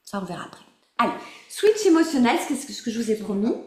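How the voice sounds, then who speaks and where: A woman's voice: a little high, very animated, fast, slight background noise. A woman coaching a group through an emotional exercise over a video call, encouraging and laughing often as she calls on people by name. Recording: roomy echo.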